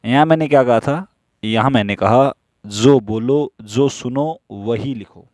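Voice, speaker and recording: A man teaching stenography in a slow classroom style, who asks questions and answers them himself while repeating the rules. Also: mid-range voice, darkish tone, no room sound, studio quality.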